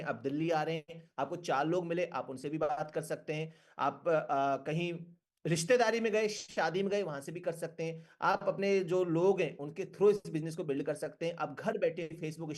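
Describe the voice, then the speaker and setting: Earnest man giving a motivational talk. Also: fairly high pitch. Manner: earnest, coaxing, keeps checking in with listeners. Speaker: network marketing speaker. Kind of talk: motivational talk to an online meeting.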